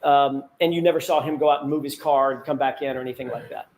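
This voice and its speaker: A man's voice: mid-range voice, steady tone, quick pace, a little mellow, poor audio. A man working as a defense attorney, cross-examining a witness in a courtroom with pointed, methodical leading questions.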